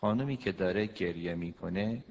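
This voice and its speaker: A man giving a lecture of marriage advice as a family counselor, emphatic, acting out quoted husbands and wives with big swings in pitch and loudness. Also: a little hiss or hum. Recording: dull, lo-fi recording with long hall reverb.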